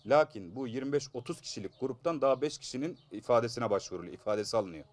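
A man in his thirties, nose blocked and congested, describes an assault to a news interviewer, urgent, aggrieved and pleading. His mid-range voice has lively intonation and a quick pace, with no room sound.

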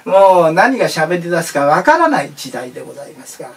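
On stage with no audience, a rakugo storyteller performs a comic monologue that shifts into storytelling narration. His voice is on the high side, sing-song and brisk, heard through a distant mic. He's chatty and playful, full of asides and voiced impressions.

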